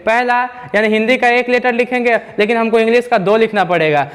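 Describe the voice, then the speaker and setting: A man teaching English spelling rules in a classroom lesson, repeating himself, stretching out sounds slowly and asking the class rhetorical questions. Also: very high voice, fairly even intonation, fairly bright tone. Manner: repetitive, drawn-out sounds, asks rhetorical questions.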